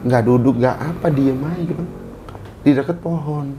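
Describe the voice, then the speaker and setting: A man's voice: mid-range voice, moderate pace, background noise. A man from Indonesia telling a story in a casual chat, in short bursts of phrases. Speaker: guest storyteller.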